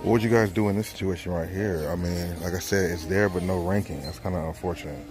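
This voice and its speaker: A man's voice: deep voice, quick pace, music in the background. A man in his thirties chatting casually to viewers while browsing a large store, filming on a handheld phone. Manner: casual, chatty, thinking aloud. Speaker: reselling vlogger. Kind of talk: casual shopping vlog. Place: large retail store, indoors.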